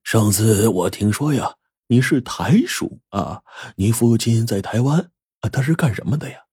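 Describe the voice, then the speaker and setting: A man voicing a kindly, gentle old ferryman with a soothing way of speaking. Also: on the low side, animated, normal speed, husky, no room sound, clean studio sound. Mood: thoughtful.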